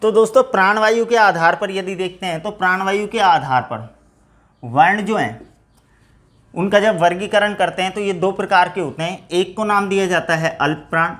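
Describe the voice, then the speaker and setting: A man's voice: high voice, moderate pace, a bit bright. Man teaching, answering his own questions. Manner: asks rhetorical questions and answers them himself; keeps calling the students friends. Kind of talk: exam-prep Hindi grammar lecture.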